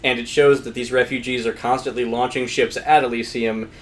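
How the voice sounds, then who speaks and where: A man's voice: medium pitch, flat delivery, fairly quick, slight background noise. Male co-host, mid-range voice, loose chatty plot recap. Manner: explains plot at length, acts out quoted lines. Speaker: movie review show co-host. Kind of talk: casual chat.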